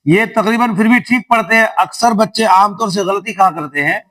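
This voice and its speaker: Teaching children to read, this male teacher leads repetitive call-and-response practice, asking questions back and elongating syllables when he models them. The recording is low quality, and his high-pitched voice sounds pushed and bright.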